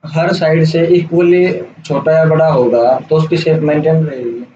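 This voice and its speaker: A man giving a casual, step-by-step software tutorial over a screen recording, checking in often with the listener. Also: a little high, level tone, unhurried. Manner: casual, explains step by step with "theek hai" checks. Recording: roomy, dull lo-fi sound with faint hiss.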